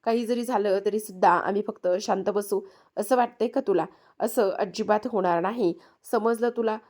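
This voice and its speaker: A woman's voice: medium pitch, moderate pace, darkish tone, lightly acted. A woman voicing a stern young woman who protects her home and scolds a thief, read inside a recap. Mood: scolding. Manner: read as quoted lines within a narrated recap.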